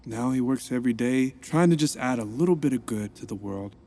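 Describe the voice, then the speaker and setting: Narrating an audio drama, a male actor voices an earnest former supervillain who now works as a counselor, sounding gentle and encouraging. His medium-pitched voice moves with lively intonation at a fairly quick pace, with some vocal fry.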